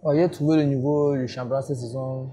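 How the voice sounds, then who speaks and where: A male footballer answering interview questions casually in a mellow, dark voice. His delivery is even and a little hesitant. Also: medium pitch, brisk.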